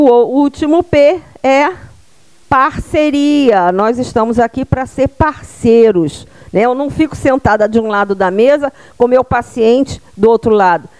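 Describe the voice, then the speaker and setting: A woman's voice: fairly high pitch, a little mellow, no echo. A middle-aged woman from Brazil giving a public health lecture in a small room, speaking into a handheld microphone and checking in with her audience through frequent tag questions.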